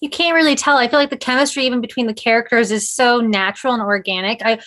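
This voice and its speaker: Higher-voiced woman interviewer, conversational. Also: steady tone, quick pace, a bit bright. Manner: enthusiastic, conversational. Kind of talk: casual entertainment interview.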